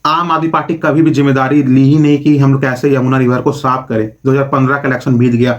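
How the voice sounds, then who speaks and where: A man's voice: medium pitch, flat delivery, quick pace, dull audio. A man hosting a political explainer video, giving scripted commentary in an opinionated tone with rhetorical questions.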